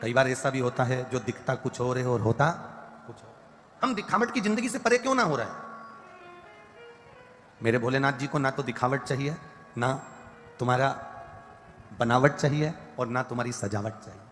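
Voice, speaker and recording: A man's voice: medium pitch, lively intonation, normal speed, pauses often, fairly bright tone, soft background music. A man giving a devotional sermon, speaking emphatically in repeated lists and breaking into sung chants. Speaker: kathavachak preacher. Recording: long hall reverb.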